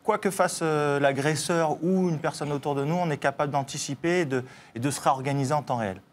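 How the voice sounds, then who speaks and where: A man with a slightly high voice, speaking as a martial arts coach on a television show. He explains his points in an earnest, step-by-step way. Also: fairly quick, a little hiss or hum.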